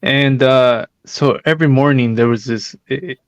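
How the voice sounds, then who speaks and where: Podcast co-host, man, smooth clear voice, dry close mic, relaxed and chuckling. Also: mid-range voice, measured pace, no echo, highs cut off. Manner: relaxed, chuckling, easygoing asides. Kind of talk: casual chat.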